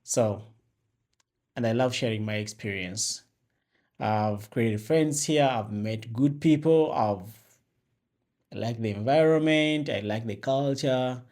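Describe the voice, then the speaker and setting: Talking casually to camera on his vlog, the young Ugandan host rambles with fillers and restarts in his Ugandan accent, using an external mic plugged into a phone. His medium-pitched voice is a little mellow, and he goes slowly, pausing often.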